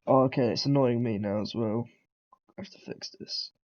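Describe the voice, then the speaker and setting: A mid-range male voice at a moderate pace comes through a muffled recording. Nursing a cold, the tutorial maker chats casually through beginner coding, wandering, fixing his own mistakes, and filling the gaps with ums and throat clearing.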